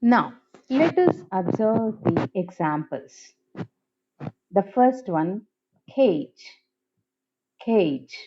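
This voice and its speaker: A woman teacher giving a phonetics lesson, speaking slowly and carefully and saying each example word twice. Her pitch moves a lot as she stresses the words. The recording sounds dull and lo-fi. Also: expressive, very noisy. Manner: slow and deliberate, repeating each example word. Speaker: English teacher.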